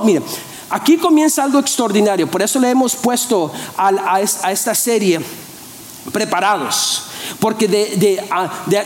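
A man with a very high voice preaches a lively sermon, stumbling into restarts and repeated words as he goes. The room around him is echoey. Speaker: pastor.

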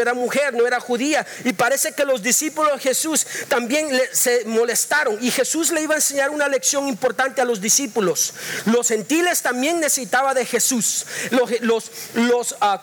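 A man preaching to his church in a very high voice. He is fervent and lively, drops English phrases into his sermon, and keeps urging the congregation to listen well. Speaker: pastor.

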